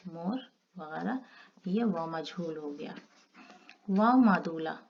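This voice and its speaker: A woman teaches a grammar lesson at an unhurried pace, explaining each point step by step and stretching out the example words. Her voice sits a little low. The recording is dull and lo-fi, with a faint hiss underneath. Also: creaky. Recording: dull lo-fi audio with faint noise.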